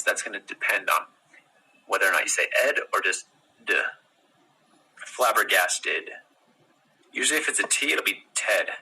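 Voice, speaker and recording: A man with an American accent giving a relaxed pronunciation lesson, repeating words slowly and drawing out each sound. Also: fairly low pitch, breathy edge, low-quality recording. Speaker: pronunciation teacher.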